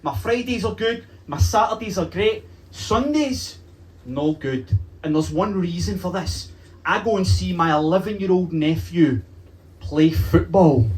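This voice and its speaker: A young man with a Glaswegian Scottish accent doing a stand-up comedy set in a club, telling punchy stories with swearing and acting out shouted lines. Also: high voice, expressive, a little slow, low-quality recording. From Glasgow, Scotland. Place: comedy club with a live audience. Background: audience laughter.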